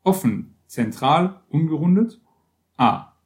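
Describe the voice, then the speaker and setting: A man reading an encyclopedia-style text aloud as scripted narration, in a measured, list-like way. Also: on the high side, sing-song. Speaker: reader.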